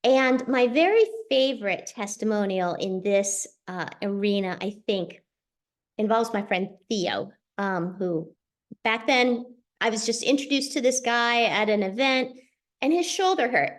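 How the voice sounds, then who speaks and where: Animated woman telling a personal story. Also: a little high, measured pace. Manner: animated, acts out quoted voices. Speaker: speaker sharing a personal story. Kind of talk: casual storytelling.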